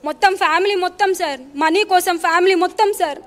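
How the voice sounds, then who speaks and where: A woman's voice: very high-pitched, fairly quick, a bit bright. A young woman giving emotional interview testimony to a reporter, pleading and addressing him respectfully. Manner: pleading, repeatedly addresses the listener as sir.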